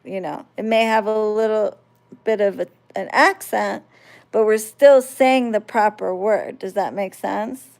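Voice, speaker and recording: An American woman hosting a spiritual channel talks casually to her viewers and keeps checking that they're following her. Her voice is medium in pitch, steady and unhurried, with vocal fry.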